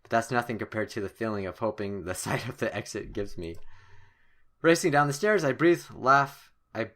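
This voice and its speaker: This young man, host of a gaming video, plays through a horror game and reads its story text out loud with dramatic excitement. His voice is on the low side, his pace moderate, and he stumbles from time to time.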